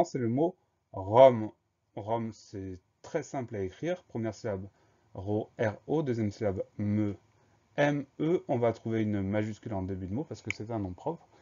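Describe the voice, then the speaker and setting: Man, spelling lesson teacher, patient, spells letter by letter, low voice, muffled recording. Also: mellow. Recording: dull lo-fi recording.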